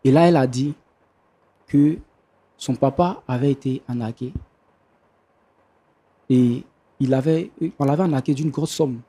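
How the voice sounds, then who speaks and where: A man telling a confession as a guest on a talk show, slow and halting. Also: medium pitch, mellow, slightly rough. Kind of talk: confessional storytelling.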